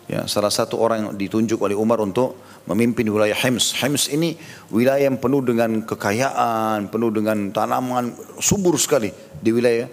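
Guy preaching a story sermon, jokes around a bit, echoey hall sound. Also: fairly low pitch. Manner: lively retelling with acted quotes and light jokes.

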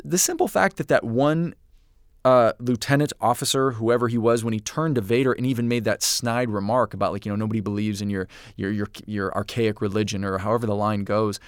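A man's voice: mid-range voice, no room sound, clean studio sound. A man co-hosting a podcast in casual chat, talking in enthusiastic, rambling stretches that often stop and restart. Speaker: podcast co-host.

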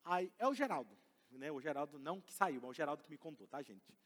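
Middle-aged Brazilian man, pastor, high voice, emphatic sermon, long church-hall reverb. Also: lively intonation, fast, fairly bright tone. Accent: Brazilian Portuguese. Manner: emphatic, addresses the congregation directly.

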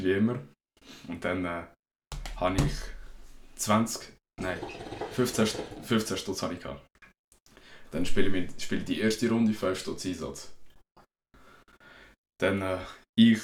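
A young man with a Swiss German accent hosts a casual podcast chat. He rambles through stories in a slangy way, and his voice is very low. The recording has a noticeable echo. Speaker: podcast host. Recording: echoey room.

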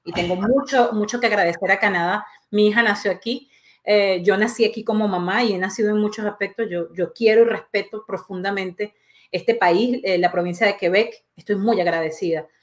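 A woman's voice: mid-range voice, fairly quick. A woman with a Venezuelan accent interviewing a guest, who hesitates and restarts her sentences often. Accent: Venezuelan Spanish. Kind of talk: conversational interview.

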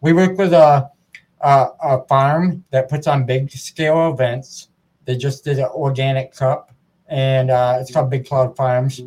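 A man's voice: medium pitch, steady tone, unhurried, a little mellow. A man hosting a casual podcast interview, friendly, chatty and easygoing. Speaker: podcast host.

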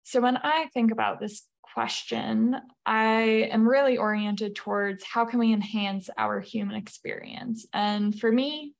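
A woman speaking as a podcast guest over a video call, explaining at a measured pace with frequent fillers. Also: on the high side, gravelly. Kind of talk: presenting slides in a remote interview.

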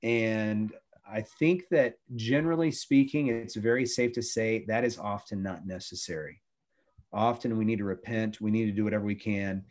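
A man's voice: lowish voice, moderate pace, a little mellow. A middle-aged man, a former youth pastor, talking about faith and family in an earnest, preachy way with many restarts.

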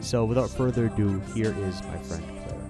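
A man hosting a podcast in a casual, informal and emphatic way, with excited delivery. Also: lowish voice, normal speed, loud music behind the voice. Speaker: podcast host. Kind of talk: casual podcast intro and interview.

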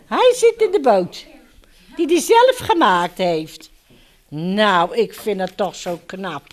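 A children's story reader with a medium-pitched voice reads a picture book aloud slowly. She's animated and speaks directly to the children as she turns the pages.

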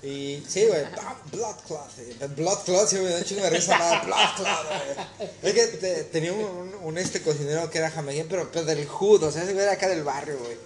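A man's voice: fairly high pitch, fast, echoey room, crowd noise. A man from Mexico with a Mexican accent, a cook co-hosting a casual podcast, telling stories in slangy speech and acting out the voices he quotes. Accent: Mexican Spanish. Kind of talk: casual chat.

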